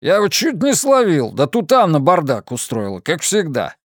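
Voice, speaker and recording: A man voicing a rude, hot-tempered police deputy chief in an audiobook, gruff and snapping. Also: on the high side, wildly swooping pitch, moderate pace, no room sound, clean studio sound, voice pushed up. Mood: angry.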